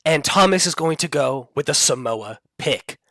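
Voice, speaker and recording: A man's voice: fairly high pitch, animated, moderate pace, a bit bright, no room sound. A man casting a college esports final, upbeat and hyping up each player, a little under the weather. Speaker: play-by-play caster. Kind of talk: esports commentary.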